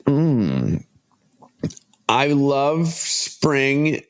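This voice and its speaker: A congested man in his thirties talks casually as a podcast guest. His voice sits at a middle pitch, and he rambles and corrects himself as he goes. He laughs easily between thoughts. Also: big pitch swings, extremely slow. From United States. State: stuffed up from allergies. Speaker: podcast guest, portrait photographer. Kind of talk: casual interview chat.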